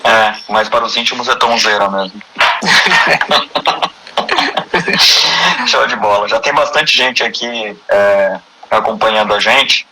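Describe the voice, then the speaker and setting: A man's voice: on the low side, slow, pauses often, noisy background. A man with a Brazilian Portuguese accent hosting a casual live-stream interview, chatty and friendly, often restarting his sentences.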